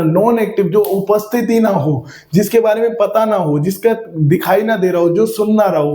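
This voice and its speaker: A man's voice: sits high, mellow, roomy sound. A man teaching a grammar lesson to a class, explaining by asking questions and repeating simple examples.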